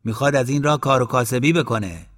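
A man's voice: mid-range voice, a bit bright, in a large hall, pitched above the performer's own voice, natural voice. A man voicing a meddling old village man in a storybook reading. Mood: tattling.

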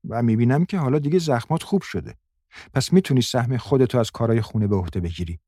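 A man voicing a gentle, timid young woman who speaks softly and pleadingly in an audiobook. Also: mid-range voice, no room sound, studio quality, voice pushed up, lightly acted. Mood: meek. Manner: soft, pleading.

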